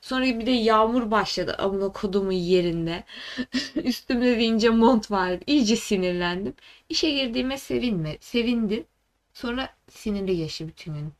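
A woman's voice: fairly high pitch, normal speed. Young woman telling stories, exasperated. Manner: animated, exasperated storytelling with swearing. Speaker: podcast co-host. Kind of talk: casual chat.

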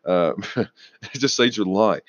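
A young man casually rambling on his own show, restarting sentences, swearing now and then and clearing his throat a lot, sounding tired. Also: lowish voice, slow pace, no room sound, muffled recording. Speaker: auto news vlogger.

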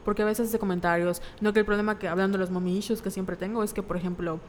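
A young woman with a Mexican accent chatting casually, acting out quoted lines from her mother in animated bits. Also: mid-range voice, fast, a little hiss or hum. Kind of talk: casual chat. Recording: long reverb, faint background ambience.

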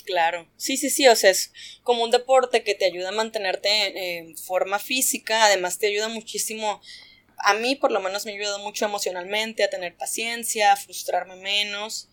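A young adult woman with a Mexican accent, telling stories as a guest in a casual chat, animated and slangy, laughing often. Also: medium pitch, normal speed.

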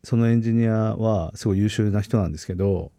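A man's voice: fairly low pitch, fast talker, warm tone, no echo, studio quality. A man co-hosting a casual tech podcast, laughing often and telling stories with animation. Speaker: podcast co-host.

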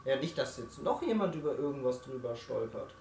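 A man's voice: mid-range voice, lively intonation, a little fast, darkish tone. A young man playing in a tabletop role-play, improvising in character and stammering over repeated words. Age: young adult. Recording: echoey room, distant mic, noisy.

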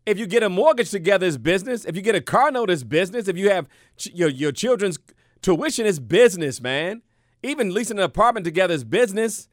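A middle-aged man hosting a radio talk show, speaking in a lively, conversational way and repeating his points for emphasis. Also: sits high, quick pace, no room sound, studio quality. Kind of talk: casual radio talk monologue. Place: radio studio.

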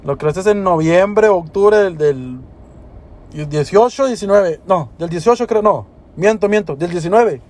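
A man's voice: high voice, animated, unhurried, darkish tone. A young man hosting a podcast, talking in a rambling, emotional, slangy way. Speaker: podcast host. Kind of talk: casual podcast chat.

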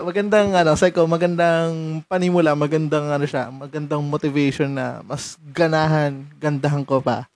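A young man from San Mateo, Rizal, Philippines hosts his own podcast in a relaxed, chatty way, often laughing and slipping English into his Tagalog. The voice is on the high side and a bit mellow, captured in a dry recording.

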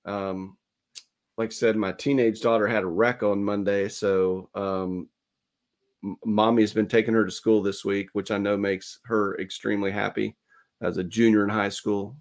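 A man's voice: lowish voice, flat delivery, normal speed. A middle-aged man hosting a podcast in casual chat, self-mocking and full of restarts. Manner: self-deprecating, stumbling restarts. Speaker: podcast host.

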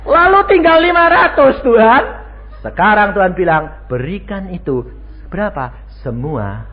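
A man's voice: high-pitched, unhurried. A male pastor, preaching a sermon and acting out voices as he tells stories. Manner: animated storytelling, acting out dialogue voices. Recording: dull lo-fi radio stream with faint noise.

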